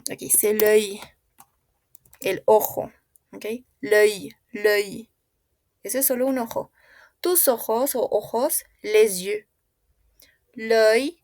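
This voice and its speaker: A woman teacher who explains at an unhurried pace, with a fairly high voice. She repeats each word patiently and keeps checking that her class follows. The sound is dry and close. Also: darkish tone, no room sound. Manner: patient, repeats words and checks understanding often. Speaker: French teacher. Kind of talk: classroom language lesson.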